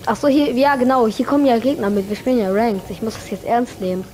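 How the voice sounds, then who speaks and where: High-voiced woman calling out enemies. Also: fast, a little mellow, soft background music. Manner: bossy, calls out enemies. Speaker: gamer. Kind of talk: casual team chat while gaming.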